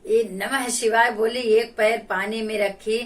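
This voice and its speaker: A woman's voice: on the high side, fairly even intonation. A woman narrating a devotional folk tale, repeating her phrases as she retells it, heard from a distance off the mic. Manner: slow, repetitive retelling. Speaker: devotional storyteller. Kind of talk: religious folk storytelling.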